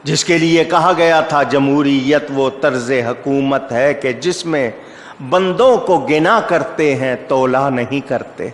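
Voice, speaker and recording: A male Islamic preacher giving a sermon, telling stories with emphatic rises and asking the audience rhetorical questions. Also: mid-range voice. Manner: storytelling with rising emphatic outbursts. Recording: echoey hall reverb.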